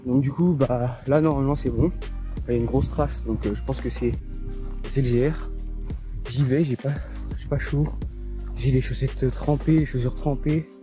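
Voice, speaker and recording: A young man vlogging while hiking alone on a mountain trail, talking into his phone in a rambling, hesitant way with many fillers, tired and low on spirits. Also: steady tone, moderate pace, long pauses, music in the background. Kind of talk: casual vlog to camera while trekking.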